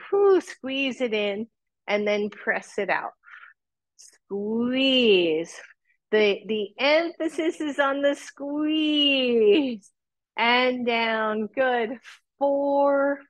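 A woman teaching a live yoga class, calling out cues and counts with encouraging, breathy exhales. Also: fairly high pitch, no echo, lo-fi sound.

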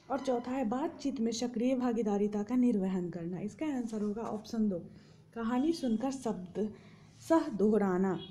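Working steadily through exam questions, a female tutor reads each option in order before explaining the answer. Her slightly high voice is mellow and warm, with faint noise humming underneath.

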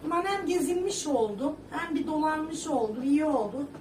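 A chatty, middle-aged woman talks to her viewers from her kitchen. Her voice sits high and rambles along with plenty of fillers. The recording is echoey and distant, with steady background noise. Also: normal speed. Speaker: vlogger. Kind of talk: casual chat to viewers. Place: home kitchen.

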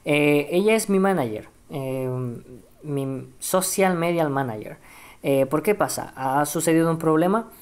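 A woman with a low voice reading aloud the lines of a grieving young woman musician in a mystery game, with repeated protests. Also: unhurried, darkish tone. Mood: distraught.

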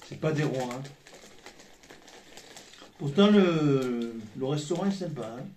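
A man's voice: medium pitch, lively intonation, slow pace, a little mellow. A man chatting casually while munching crunchy chips. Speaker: vlog co-host tasting snacks. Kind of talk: casual chat. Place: small hotel room, indoors. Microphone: phone camera a couple of metres away. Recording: echoey, distant phone recording with noise.

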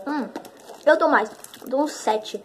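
A high-pitched woman chats brightly with her viewers, her words muffled by the lollipop in her mouth. She talks in an easy, upbeat vlog manner. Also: takes it slowly, a little hiss or hum. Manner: chatty, upbeat, addresses viewers directly. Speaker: channel host. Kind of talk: casual snack-tasting vlog.

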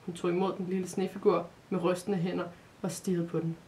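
A woman reading a children's Christmas story aloud in a calm, measured way, with the odd small restart. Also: fairly low pitch, a little hiss or hum.

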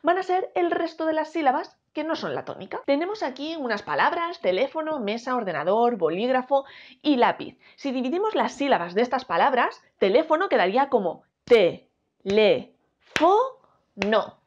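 A woman teaching a grammar lesson, slowly spelling out syllables. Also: high voice, sing-song. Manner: clear, drawn-out syllables for teaching. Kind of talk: explaining a Spanish grammar lesson. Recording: dull lo-fi sound.

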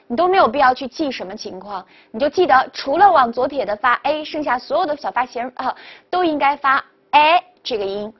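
A woman teaching French pronunciation in a video lesson, upbeat and quick to praise, repeating each model word. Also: high-pitched. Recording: dull lo-fi recording.

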